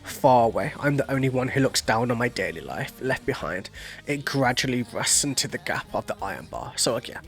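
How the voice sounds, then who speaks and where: A man's voice: mid-range voice, expressive, fairly quick. A man hosting a music reaction channel, chatting loosely and profanely about lyrics, full of "like" and "you know". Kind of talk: casual reaction commentary, explaining lyrics.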